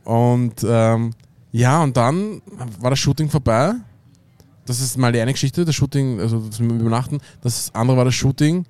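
A man's voice: medium pitch, normal speed, darkish tone, no echo. A young man with an Austrian German accent, rambling through an anecdote in casual slang with lots of fillers. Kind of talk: casual chat.

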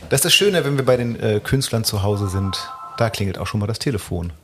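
Fast-talking man, noisy recording. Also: on the low side, expressive. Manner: quick, short interjections. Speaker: podcast host. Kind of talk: casual interview talk. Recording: clear background noise.

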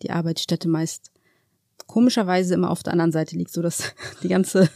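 A woman in her thirties from Turkey, a senior physician guesting on a podcast, relaxed and quick to laugh. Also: on the low side, gravelly, no echo, studio quality. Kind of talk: casual conversational interview.

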